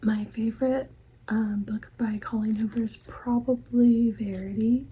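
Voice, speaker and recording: A woman in an ASMR whispered role-play, playing a polite, helpful librarian in a soft, breathy library whisper with a gentle, attentive manner. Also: a little high, fairly even intonation, unhurried. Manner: gentle, hushed, attentive customer-service talk. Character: helpful, polite female librarian recommending books to a customer.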